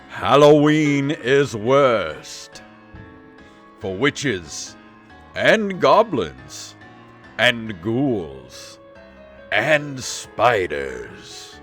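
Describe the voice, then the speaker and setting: Over background music, a weary-sounding podcast host keeps things casual and funny, at times launching into theatrical readings. His voice is lowish with a fairly bright tone, and he stretches the stories out in drawn-out, dramatic fashion.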